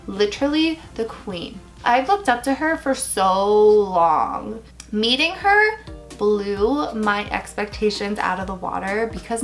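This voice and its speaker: Young woman, creaky mid-pitched voice, casual vlog chat, emphatic and gushing, faint music behind. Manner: casual swearing and slang. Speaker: YouTuber answering viewer questions.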